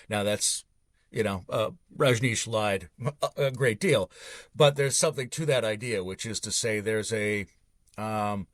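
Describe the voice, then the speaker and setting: A man's voice: fairly low pitch, dry recording. A man, a guest author on a podcast, explaining philosophical ideas in a fluent, lecture-like way. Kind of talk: philosophical conversation.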